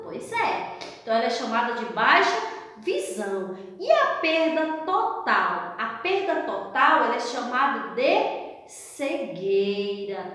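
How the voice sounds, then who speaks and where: A Brazilian woman speaks slowly in a high voice, in the manner of a children's show host leading a school lesson. She coaxes young listeners with simple questions and repeats her explanations. The recording is heavily echoey and reverberant. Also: a bit bright. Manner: kids show host address, coaxing with simple questions and check-ins. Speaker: primary school science teacher. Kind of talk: spoken lesson review for children.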